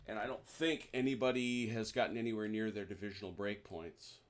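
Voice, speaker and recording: Over a video call, a host walks his players through a tabletop wargame's rules in a chatty way, often restarting and saying "uh." He speaks briskly, his lowish voice keeping fairly even intonation.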